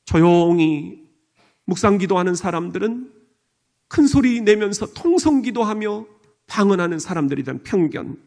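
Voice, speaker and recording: A middle-aged pastor with a Chungcheong Korean accent delivers a sermon in a high, lively voice. His pitch swings widely as he preaches, and he slips into playful imitations of regional dialects.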